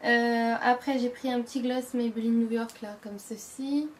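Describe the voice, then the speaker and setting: Young woman beauty vlogger, rambling and casual, slightly high voice, recorded at home with clear background noise. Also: fairly even intonation, normal speed. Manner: chatty, many fillers and self-corrections. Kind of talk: casual product show-and-tell.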